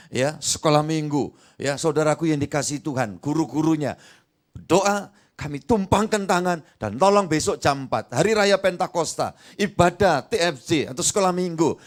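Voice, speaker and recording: A man with an East Javanese Indonesian accent, preaching a lively sermon and acting out dialogue in different voices. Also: fairly high pitch. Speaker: pastor. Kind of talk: lively sermon with acted anecdotes.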